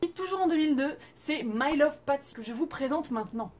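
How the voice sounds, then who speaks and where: High-voiced chatty woman vlogger. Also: a little fast. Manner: chatty and expressive, with frequent fillers and playful asides. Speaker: YouTube host reviewing Korean dramas. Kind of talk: casual vlog recommendations.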